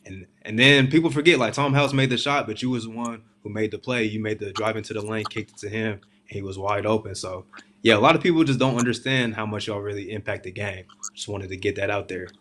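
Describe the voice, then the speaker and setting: Casting: male sports show host, lowish pitch, loose conversational interview style with slangy wording. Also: fairly even intonation, fast talker, a bit bright, a little hiss or hum. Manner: informal slangy phrasing.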